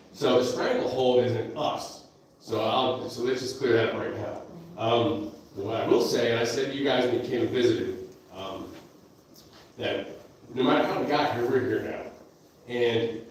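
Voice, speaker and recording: A man who is a fire captain giving a blunt, halting public comment at a council meeting, with many fillers. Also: mid-range voice. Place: council chamber. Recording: very echoey hall from far off, faint noise.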